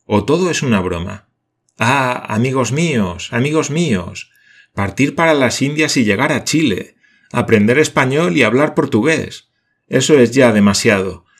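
An absent-minded male geographer bursts out in theatrical, exclaiming lines, as a male reader puts him on. The voice sits higher than the narration and carries a husky grain. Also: lively intonation, moderate pace. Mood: distraught. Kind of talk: audiobook character voice.

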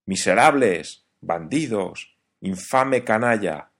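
A man's voice: lowish voice, moderate pace, close to an everyday voice. A man doing a hot-tempered old sailor. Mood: outraged. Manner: loud, exclaiming, blunt. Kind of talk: audiobook reading.

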